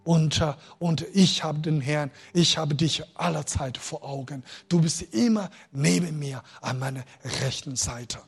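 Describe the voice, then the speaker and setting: Husky-voiced man preaching a sermon. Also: on the high side, measured pace, few pauses. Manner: emotional, swings between loud and quiet; makes grammar slips and restarts.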